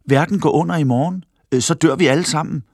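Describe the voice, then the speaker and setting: A man's voice: fairly high pitch, gravelly, dry recording, studio quality, pitched above the performer's own voice. A man voicing a cocky, boastful young man in a children's storybook reading, raised and eager. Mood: scheming.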